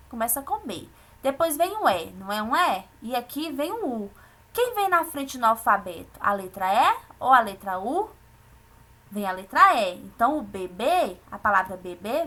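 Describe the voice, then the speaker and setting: Brazilian woman teaching small kids remotely, patient and encouraging, a bright, slightly high voice. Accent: Brazilian Portuguese. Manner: patient, explaining step by step to children. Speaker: primary school teacher. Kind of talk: remote lesson for children.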